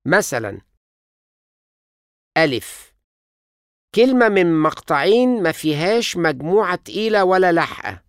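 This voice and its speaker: A language teacher with an Egyptian Arabic accent, giving scripted instructional narration and pronouncing each example word slowly and carefully. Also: medium pitch, sing-song, smooth, no echo, studio quality.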